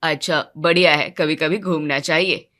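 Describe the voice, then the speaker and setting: A weary cartoon husband, voiced by a woman lowering her pitch. He speaks softly and wearily in a bright, clear tone. Everything comes out low-key and a little grumbling. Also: steady tone, normal speed. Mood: calm, tired. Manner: subdued, low-key, quietly complaining. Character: weary grown man, soft-spoken husband. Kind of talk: animated storybook voice acting.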